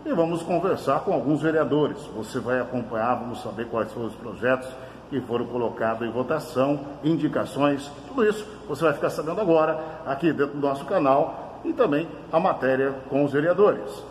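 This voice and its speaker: A man's voice: medium pitch, slight background noise, rough recording. A man reporting from a city council chamber and putting questions to councillors. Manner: quick, upbeat reporter delivery. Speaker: local news reporter. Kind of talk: field report and interview questions.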